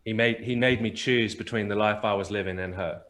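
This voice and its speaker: A man's voice: lowish voice, fairly even intonation, fairly quick, a bit bright. A man on a podcast as a guest, earnestly telling a personal story and often repeating words as he restarts phrases.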